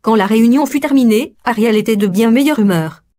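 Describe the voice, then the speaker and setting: A woman narrating a story in an even, storytelling manner. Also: a little high, a little fast.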